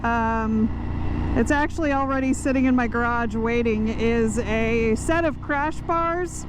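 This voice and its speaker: Female motovlogger, high voice, informal ride-along chat from inside a helmet, engine and traffic noise throughout. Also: measured pace. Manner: informal, thinking aloud. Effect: muffled enclosed sound of talking inside a motorcycle helmet. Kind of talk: casual vlog chat while riding. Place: inside a helmet, riding a motorcycle outdoors in traffic. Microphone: helmet microphone.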